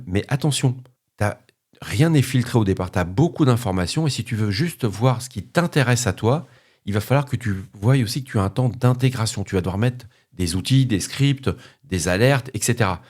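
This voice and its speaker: A man's voice: mid-range voice, lively intonation, fairly quick, a little mellow. A middle-aged man hosting a podcast, answering a listener in a frank, joking, rambling casual manner.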